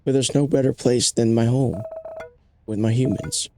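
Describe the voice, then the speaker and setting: A man's voice: medium pitch, normal speed, music in the background, close to an everyday voice. Earnest young dog, voiced by a man, innocent and devoted. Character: loyal young pet dog, earnest and sweet.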